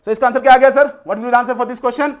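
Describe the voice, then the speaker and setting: A man's voice: extremely high pitch, fairly even intonation, fairly quick, clear, resonant tone. A man teaching a live online class, coaxing and repetitive, freely mixing English phrases into his explanations. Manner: coaxing, repetitive, mixes English phrases, calls students "beta". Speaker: online tutor.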